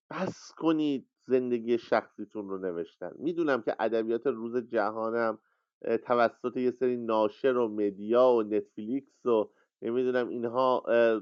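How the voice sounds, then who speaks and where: A man leads a literary workshop, talking in a loose, rambling way full of pauses and fillers. His voice is smooth and clear, mid-pitched. The sound is dry and dull, like a lo-fi online audio room. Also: dry recording. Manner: rambling, hesitant, many fillers. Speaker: workshop host. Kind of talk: casual lecture on a live audio chat.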